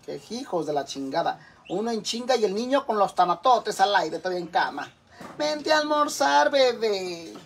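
A man's voice: high-pitched, lively intonation, fairly quick, fairly bright tone, a little hiss or hum. A middle-aged man with a Mexican accent ranting casually to his viewers in an exasperated, profane way. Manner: exasperated, swears a lot. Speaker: vlogger. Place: home kitchen.

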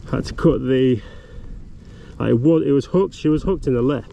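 A young fishing vlogger chats upbeat to camera on a windy riverbank, giving casual outdoor commentary caught by an action camera on his body or a tripod. His mid-range voice is mellow, with vocal fry and a moderate pace.

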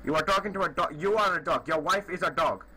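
A man's voice: on the high side, fast talker, bright, forceful tone, slight background noise. A man putting on a bragging tough guy with a fake Indian accent. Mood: blustering. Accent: Indian (put on). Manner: aggressive, taunting, bragging. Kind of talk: prank call over voice chat.

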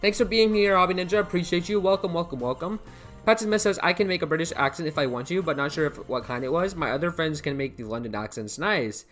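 A fast-talking young American with a fairly high, somewhat bright voice hosts a live game stream while soft music plays in the background. Seated at a computer in an indoor room with a headset mic, he chats casually, rambles and repeats himself, reading chat aloud and thanking viewers by name.

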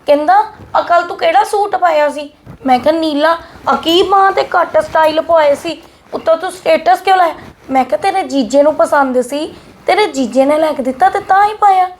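A woman playing a feisty married elder sister, her voice pitched high and sharp as she scolds and defies her younger brother. She talks back hard, complaining and taunting in a family short-film scene. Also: a little fast.

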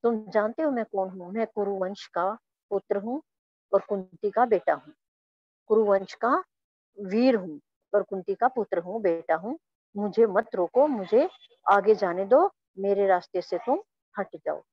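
A woman's voice: mid-range voice, a little slow, slightly rough, no echo. A proud young warrior, hot-tempered, gives stern orders in a commanding storybook voice, as a woman teacher reads his lines. The recording is dull and dry. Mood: proud, angry.

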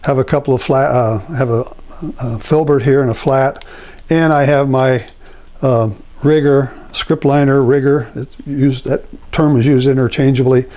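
An older man giving a relaxed, rambling painting demonstration at his easel, with many fillers, recorded on a lapel mic in a home studio. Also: mid-range voice, moderate pace. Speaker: painting instructor.

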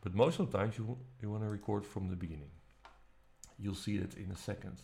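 A man teaching music production, walking through the software step by step in a relaxed, casual way. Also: fairly low pitch, a little fast, gravelly, a little hiss or hum. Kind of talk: screen-recorded software tutorial. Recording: faint music playing behind. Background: faint music.

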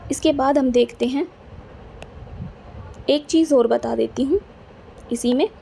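A woman's voice: high-pitched, measured pace, gravelly, dark tone, slight background noise. A woman teaching a physics lesson in style classroom talk, patiently repeating points and checking that students follow. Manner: repetitive, patient, checks understanding often. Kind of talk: classroom lecture explaining to students.

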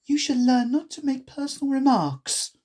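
A woman plays a prim, curious little girl from a storybook. The voice is lifted high and swings freely in pitch, earnest and quick to take offence, with a slightly husky edge. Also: big pitch swings, mellow, heavily acted. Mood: indignant. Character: polite, indignant, curious young girl Alice.

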